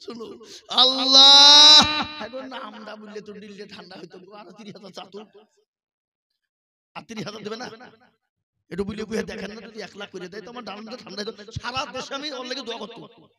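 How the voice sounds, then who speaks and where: A man giving a joking fundraising sermon at a religious gathering, pleading and repeating himself, with sudden loud calls. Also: sits high, steady tone, quick pace, a crowd in the background. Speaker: preacher collecting donations. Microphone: public address microphone.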